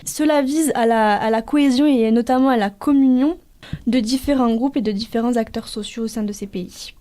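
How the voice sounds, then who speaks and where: A woman's voice: on the high side, normal speed, mellow. A woman giving a prepared explanation as a guest in a radio interview.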